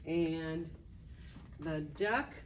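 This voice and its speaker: A woman teaching an online lesson for young children, talking gently and asking simple questions as she draws. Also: low voice, noisy background. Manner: gentle, slow, questioning while drawing.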